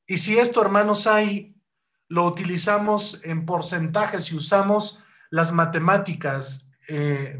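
A man with a high voice preaches a sermon, firing rhetorical questions at the congregation and addressing them as brothers. He moves between loud rising bursts and slow, deliberate stretches when he explains a point. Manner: rhetorical questions, keeps calling hearers "hermanos". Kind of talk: sermon teaching.

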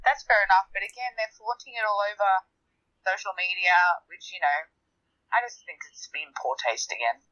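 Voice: medium pitch, normal speed, pushed and bright, lo-fi sound. A speaker in a casual gossip chat, opinionated, often asking "you know what I mean?".

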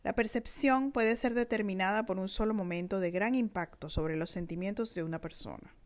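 A woman narrating a scripted, reflective text in a measured, thoughtful way. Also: medium pitch. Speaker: narrator reading her own reflective text.

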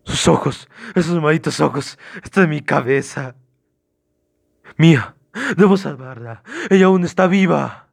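A man voicing a terrified suspect under police questioning, stammering, pleading and breaking into frantic shouts. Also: a little high, fairly even intonation, moderate pace, vocal fry, hardly any pauses, breathy edge, no room sound, studio quality, pitched above the performer's own voice, exaggerated voice. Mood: hysterical.

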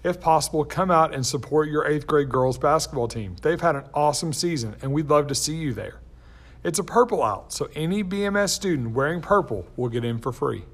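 A man reading out a school's morning announcements in an upbeat, clear, scripted way. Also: fairly high pitch, lively intonation, fairly quick, a bit bright.

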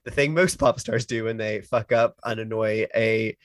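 A man's voice: fairly low pitch, fairly even intonation, normal speed, dry recording. A young Irish man co-hosting a podcast, rambling casually with lots of fillers. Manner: laughing, rambling with many fillers. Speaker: podcast co-host reading the news. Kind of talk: casual chat.

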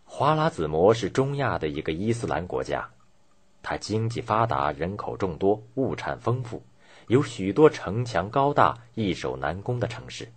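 Deep-voiced male documentary narrator, husky and dramatic. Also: very animated, normal speed. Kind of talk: scripted documentary-style history narration.

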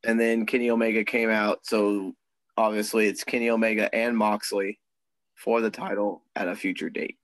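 A man's voice: lowish voice, level tone, moderate pace, no room sound, low-quality recording. A young man co-hosting a podcast in casual chat, talking easily with frequent ums and laughs. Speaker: podcast co-host. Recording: dry close sound.

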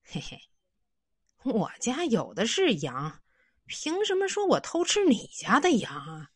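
A woman's voice: a little high, wildly swooping pitch, racing, dark tone, breathy edge, no room sound, studio quality, voice pushed up, full character voice. A woman voicing a brash, mocking rich landlord in a children's story. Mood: sneering. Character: sneering rich male landlord, bullying.

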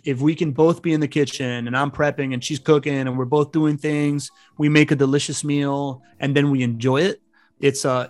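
A podcast guest in his thirties, of Venezuelan family but raised outside the country, chats casually in a mid-range voice. His stories ramble with many restarts, and the recording is dry.

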